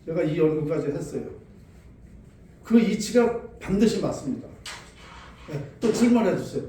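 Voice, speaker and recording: An older man answers questions as a lecturer, sounding assertive and sure. His voice is mellow and a little high. It comes through a very reverberant space, away from the mic. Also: expressive, moderate pace. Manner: assertive, insistent. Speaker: feng shui lecturer. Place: large echoey room with an audience. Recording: very echoey hall, distant mic, faint noise.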